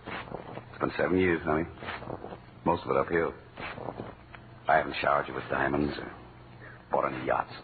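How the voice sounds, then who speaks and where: An actor playing a griping, hard-up husband with a soft heart in a 1940s-style radio comedy, his sarcastic grumbling turning tender. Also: medium pitch, big pitch swings, normal speed, natural voice. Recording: tinny, hissy old radio broadcast.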